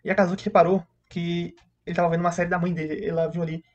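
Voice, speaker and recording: Male recapper, high voice, rapid chatty delivery, slightly lo-fi audio. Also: little pitch movement. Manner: rapid chatty retelling with frequent "né"; briefly mimics characters' lines in quick asides. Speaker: anime reviewer. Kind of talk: casual episode recap.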